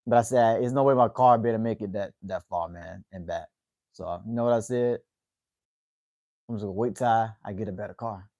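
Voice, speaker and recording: With a fairly low, dark voice and a brisk pace, an American man in his twenties hosts a livestream, chatting casually with viewers and finishing phrases with "man." The sound is dry and lo-fi.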